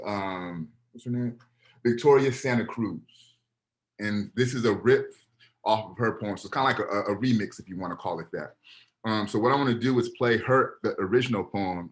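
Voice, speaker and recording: A man lecturing an online class on a video call, talking casually with many halting fillers. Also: fairly low pitch.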